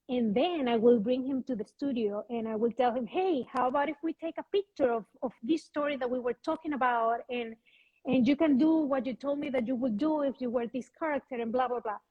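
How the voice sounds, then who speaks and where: A woman with a fairly high voice talks about her work in a relaxed interview. She speaks haltingly and often restarts her sentences. The audio comes through a video call and sounds dull and lo-fi. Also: husky. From Venezuela. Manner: halting, many restarts, light laughs. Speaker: guest photographer. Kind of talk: casual interview chat.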